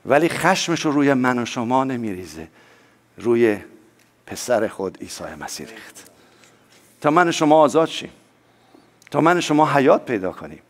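A pastor preaches a sermon, swinging between loud, emphatic lines and soft, low asides while calling on the congregation to respond.

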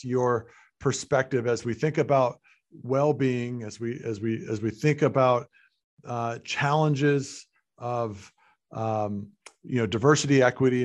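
A man hosts a podcast interview from a remote call mic, with a voice in the middle of the male range. He frames long questions in a searching way and repeats words as he works toward the point. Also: mid-range voice. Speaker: podcast host.

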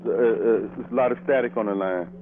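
A man's voice: fairly low pitch, fairly quick. A man heard over a crackly, staticky phone line, polite and confused, often asking for things to be repeated. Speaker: prank call target.

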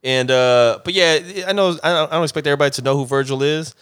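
A man in casual podcast chat, laid-back and halting with many fillers. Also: mid-range voice, fairly bright tone, smooth. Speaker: podcast co-host.

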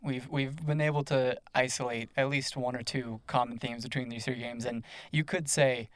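Young male podcast host, mid pitch, dry close mic, casual and filler-heavy. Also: fairly even intonation, moderate pace, dry recording, rough recording. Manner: easygoing, hesitant with fillers. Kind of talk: casual sports podcast chat.

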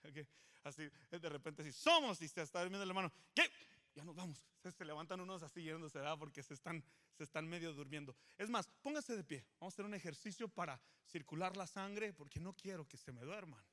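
A male pastor preaches to his congregation in a high, bright voice. He is animated and playful, coaxing the crowd into call-and-response and teasing them to stay awake. The sermon moves between encouragement and light jokes. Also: quick pace. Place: church service before a congregation.

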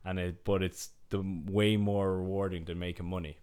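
A man with a low, clear, resonant voice. He talks casually, as a guest in a relaxed interview chat. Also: moderate pace.

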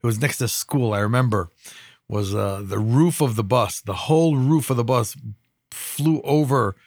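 A man's voice: mid-range voice, normal speed, a little mellow, dry recording, studio quality. A man of about fifty from Israel co-hosts a podcast. He tells personal stories casually, repeating words as he goes, in a mid-range voice with very little room sound. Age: around 50. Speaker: podcast co-host and emergency responder.

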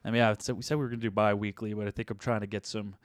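A man's voice: fairly low pitch, level tone, racing, dry recording, studio quality. A man co-hosting a casual podcast, rambling and often restarting his sentences. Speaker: podcast co-host. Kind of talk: casual chat.

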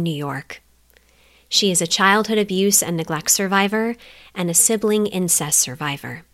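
A woman hosting a podcast, asking slow, gentle guiding questions. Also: on the low side, no room sound. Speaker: podcast host. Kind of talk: guided meditation and interview.

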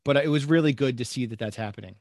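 Male podcast voice, mid pitch, dry sound, thoughtful and self-deprecating. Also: quick pace, a little mellow, dry recording. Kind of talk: casual conversational chat.

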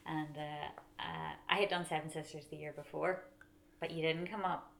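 A low-voiced woman with a north-western Irish accent from Donegal. She chats in an easy, self-deprecating way, with noticeable creak in her voice, like someone swapping stories as an interview guest. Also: little pitch movement, moderate pace. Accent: Donegal, north-west of Ireland. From Donegal, Ireland. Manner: chatty, self-deprecating, often laughs while talking. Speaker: interview guest, mountain runner. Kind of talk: casual chat, telling race stories.

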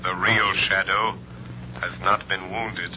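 Low, slow-talking mysterious vigilante. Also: male voice, flat delivery. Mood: cool, probing. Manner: deliberate, insinuating, formal. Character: mysterious male vigilante, cool and commanding. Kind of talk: 1930s radio mystery acting. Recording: muffled old radio recording, humming noise.

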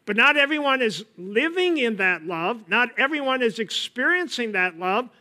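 A man preaching a sermon in an earnest way, often asking the listeners questions and pausing to let a point land. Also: very high voice, sing-song, pushed and bright. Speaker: pastor.

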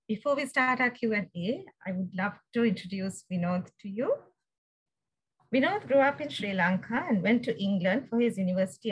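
A woman with a slightly husky, breathy voice, pitched a little high, introduces her guest from a prepared text. She speaks in a formal, measured podcast manner. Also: low-quality recording. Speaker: interviewer.

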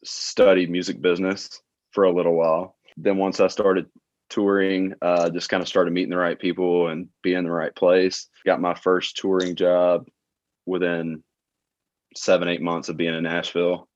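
Man, late 20s, Alabama accent, low voice, relaxed storyteller, dry dull audio. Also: normal speed, no room sound. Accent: Southern US, Alabama. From South Alabama. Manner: relaxed storytelling with filler words and laughs. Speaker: guest, tour manager. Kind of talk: casual interview chat.

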